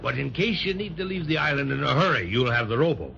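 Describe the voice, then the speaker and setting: A man's voice: medium pitch, animated, fast, creaky, pushed and bright, slight background noise. A man playing a jovial, courteous candy pirate captain, hearty and nautical, in a 1930s children's radio serial. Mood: genial. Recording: dull 1930s radio recording with background babble.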